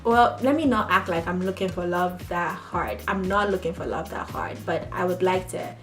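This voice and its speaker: A woman's voice: lowish voice, expressive, normal speed, faint music behind. A young woman raised in Ghana, chatting casually to her camera as a vlogger while answering tag questions, talking straight to her viewers with laughing asides. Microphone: camera on a table.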